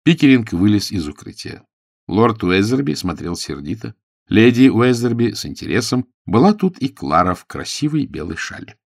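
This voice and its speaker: A man narrating an audiobook with a lively, expressive reading. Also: lowish voice, moderate pace, vocal fry, no room sound, studio quality.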